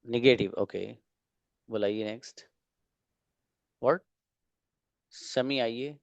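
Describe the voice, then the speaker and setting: A man teaching an online English class, explaining slowly and asking and answering his own questions. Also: mid-range voice, gravelly, dry recording, lo-fi sound.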